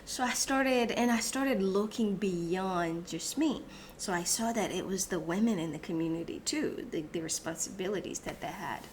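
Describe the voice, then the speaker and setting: A woman born in Haiti and raised in the United States hosts a reflective solo talk, thinking aloud with lots of restarts and fillers. Her voice is medium-pitched and slightly mellow, at a normal pace, with a faint hiss or hum in the background.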